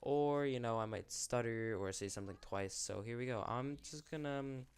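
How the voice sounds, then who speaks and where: The young man, a YouTube channel host, speaks at a moderate pace in a clean, mid-range voice. Sick and with his voice giving out, he offers unscripted commentary that is candid, rambling, and self-correcting.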